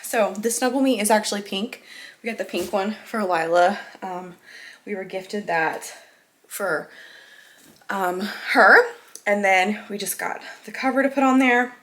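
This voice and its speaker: Brief: young woman, chatty home vlogger, gushing, mid-pitched voice, echoey room on camera mic. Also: measured pace, fairly bright tone, a little hiss or hum. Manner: bubbly, gushing, lots of "like" fillers. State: out of breath at times. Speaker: lifestyle vlogger. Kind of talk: casual vlog chat. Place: home, indoors.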